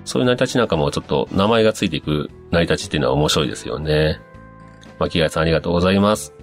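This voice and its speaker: Deep-voiced man hosting a chatty show. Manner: relaxed, chatty, with frequent fillers and musing asides. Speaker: podcast host. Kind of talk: casual radio-style talk reading listener messages.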